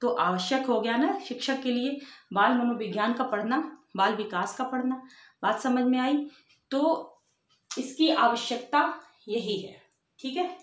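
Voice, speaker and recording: A woman with a somewhat high-pitched voice teaches an exam-prep lesson. She explains in plain words, asks rhetorical questions and keeps checking whether the point is understood. The room around her is echoey. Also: expressive, unhurried.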